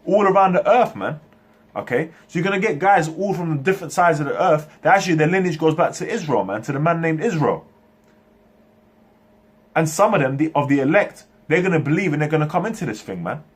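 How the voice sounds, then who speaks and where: A man from Turkey, raised in England, preaching a monologue in halting bursts and tagging nearly every phrase with "man" or "okay". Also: on the high side, expressive, husky. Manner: halting, frequent restarts. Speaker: religious speaker.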